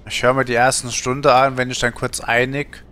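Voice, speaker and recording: Flat in delivery yet sharp in tone, a mid-range male voice moves at a moderate pace. The speaker, a middle-aged game livestreamer, muses casually and colloquially from his indoor home streaming setup.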